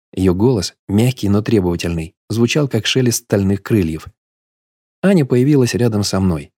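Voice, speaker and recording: A man narrating an audiobook in a steady, measured storytelling manner. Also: fairly low pitch, no room sound, studio quality.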